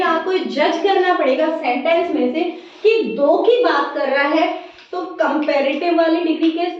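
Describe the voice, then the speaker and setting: A woman teacher explaining grammar slowly in a classroom lesson, often checking whether her students have understood. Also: very high voice. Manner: addresses listeners as "beta" in a motherly teacher way. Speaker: English teacher. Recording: echoey room, distant mic, dull sound.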